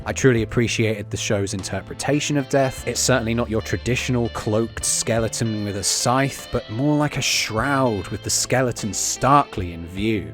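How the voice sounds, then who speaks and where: A man giving an enthusiastic, opinionated, scripted review of a TV series, swearing casually. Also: medium pitch.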